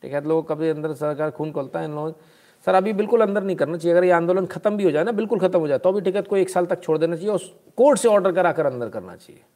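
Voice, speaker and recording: A man hosts a live news commentary stream in a casual, sarcastic way, often switching into English. His voice sits somewhat high for a man. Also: fast talker, warm tone.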